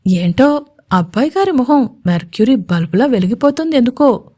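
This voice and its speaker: A woman's voice: fairly high pitch, animated, moderate pace, dark tone. A woman voicing a playful young female CEO in a romantic audio story, coaxing and mock-jealous.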